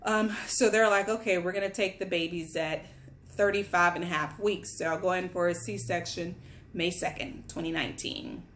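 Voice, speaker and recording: A young Guyanese woman who is pregnant and on bed rest vlogs from home, seated at a table surrounded by boxes. Her voice is somewhat low and a little bright, with fairly even intonation and a moderate pace. She tells a candid personal story in a casual, chatty way.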